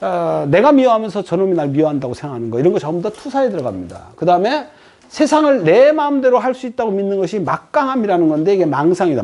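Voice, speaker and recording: With a high-pitched voice, a middle-aged man lectures a class as a professor, animatedly posing questions to the room and performing small quoted voices.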